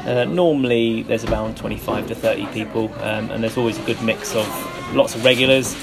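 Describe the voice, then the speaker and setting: Quick Home Counties man over loud music. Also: fairly low pitch, fairly even intonation, gravelly. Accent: Home Counties English. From Hertfordshire, England. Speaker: interviewed guest, meetup organiser. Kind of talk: casual interview chat.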